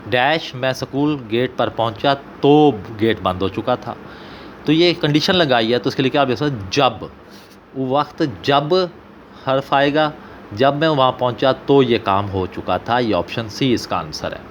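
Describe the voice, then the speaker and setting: A man's voice: mid-range voice, muffled recording, a little hiss or hum. Pakistani man teaching an exam paper. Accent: Pakistani Punjabi. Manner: explains slowly, repeats example sentences with stress. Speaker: Urdu teacher.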